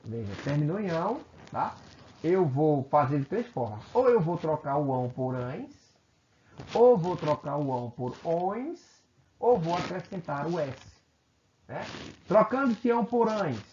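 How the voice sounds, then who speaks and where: A man's voice: a little high, big pitch swings, a little slow, darkish tone. A Brazilian man teaching a recorded grammar video lesson, explaining step by step, often checking in with his students and correcting himself as he goes. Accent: Brazilian Portuguese. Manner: self-correcting, repeats phrases. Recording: echoey room, muffled lo-fi sound with faint hiss.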